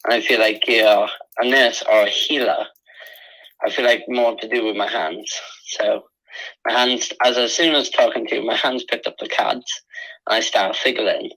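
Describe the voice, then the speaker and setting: A man working as a spiritualist, giving live psychic readings in an earnest, repetitive, halting conversational way. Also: lowish voice, sharp tone, low-quality recording.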